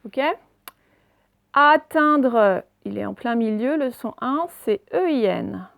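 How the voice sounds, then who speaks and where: A woman teacher giving a reading lesson to young children, spelling out letters slowly and checking in often. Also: on the high side, expressive, creaky, darkish tone, dry recording, clean studio sound.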